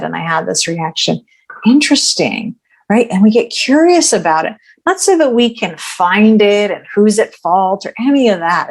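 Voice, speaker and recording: A woman speaks as a guest coach in a conversational podcast interview, her voice sitting in a middle pitch. She explains with earnest patience and keeps checking in with "right?". She voices her own inner thoughts aloud as she goes. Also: a little mellow.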